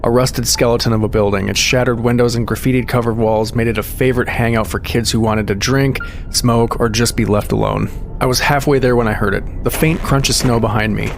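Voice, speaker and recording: A man reading a scripted horror story in a measured, suspenseful storytelling manner. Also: medium pitch, fairly even intonation, creaky. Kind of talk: scripted scary story narration. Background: music under the voice.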